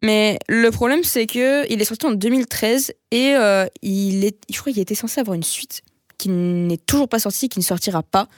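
A woman's voice: mid-range voice, normal speed, no room sound. Casting: young woman, casual film chat, chatty, dry close recording. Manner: chatty, filler-laden, laughs at herself.

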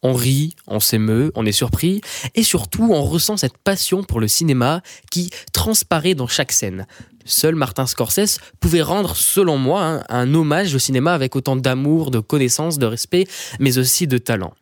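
A man's voice: medium pitch, expressive, normal speed, no room sound. Casting: young man, film chat, hesitant delivery, dry close sound. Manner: hesitant, many fillers. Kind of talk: casual film review chat.

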